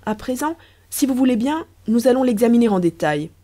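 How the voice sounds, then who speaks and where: A woman voicing a smug, scheming husband who talks with wheedling, persuasive politeness in a storybook reading. Her voice is warm and mellow. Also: on the high side, expressive, fairly quick, voice pushed up. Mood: coaxing.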